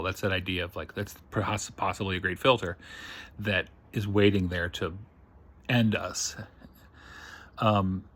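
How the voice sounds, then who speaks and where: A science fiction writer thinking aloud in a casual, digressive monologue. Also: male voice, fairly low pitch, fairly bright tone.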